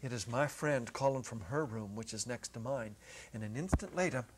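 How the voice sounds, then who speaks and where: Seated at a music stand on an indoor stage set, a middle-aged narrator reads a short story dramatically through a clip-on lapel mic, and the audio is poor. His mid-range voice is husky, and his theatrical delivery shifts between hushed and emphatic, with deliberate pauses.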